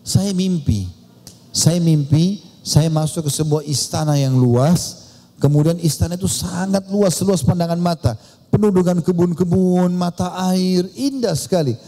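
A man's voice: high voice, a little slow, warm tone. A man voicing an eager, brave young warrior who speaks fervently and insistently in a sermon story. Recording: long hall reverb.

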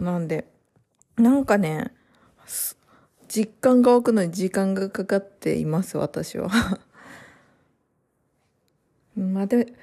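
A woman, a new mother, chatting casually to her viewers in soft, rambling sentences full of fillers and pauses. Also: mid-range voice, gravelly. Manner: trails off in long run-on sentences. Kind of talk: casual chat to camera.

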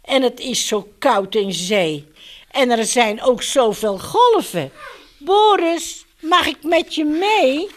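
A woman doing a high pleading little dog. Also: expressive, slow pace. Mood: despairing. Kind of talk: storybook read-aloud acting.

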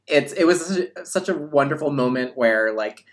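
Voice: mid-range voice, animated, moderate pace. Self-deprecating guest. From Philadelphia, USA. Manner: warm, laughing, self-deprecating. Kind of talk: casual chat.

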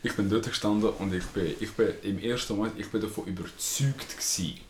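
Deep-voiced young Swiss German man. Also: a little fast, slight background noise. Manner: slangy, animated anecdote telling. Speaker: podcast co-host. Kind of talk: casual chat, storytelling. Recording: echoey room.

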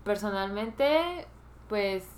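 A woman's voice: medium pitch, lively intonation, extremely slow. A young woman from Peru, a university student guest, talking casually with many hesitant fillers. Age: young adult. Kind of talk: casual chat.

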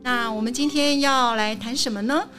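Female podcast host greeting listeners, fairly high voice, clear music bed. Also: normal speed. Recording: music under the voice.

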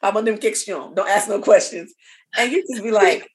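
A young woman from a Haitian family co-hosting a casual podcast, animated and laughing as she tells stories and acts out voices. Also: mid-range voice, brisk, a little hiss or hum. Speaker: podcast co-host.

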